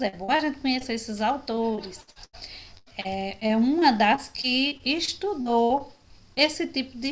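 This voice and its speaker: Slow-speaking woman teaching. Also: fairly high pitch, slight background noise. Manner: explanatory, frequent tag "né?". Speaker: sign language course instructor. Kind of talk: online class lecture. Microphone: video call.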